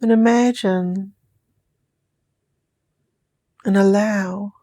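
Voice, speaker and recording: A woman from New Zealand talks a listener into sleep through hypnosis, speaking in unhurried, soothing, drawn-out lines that at times turn to whispers. She has a warm mid-range voice with fairly even intonation.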